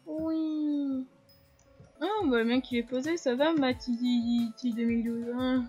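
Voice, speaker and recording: A woman with a slightly high voice talks through a video game in a relaxed, chatty way. She explains the controls to her viewers and fills the pauses with little fillers. Soft game music plays underneath. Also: husky, lo-fi sound. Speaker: gaming video host. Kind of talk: casual gameplay commentary. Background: faint game music.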